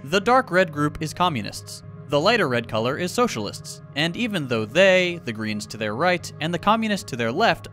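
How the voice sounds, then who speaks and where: A man's voice: on the high side, a bit bright. A man from the United States narrating a scripted video essay with sarcastic, wry asides.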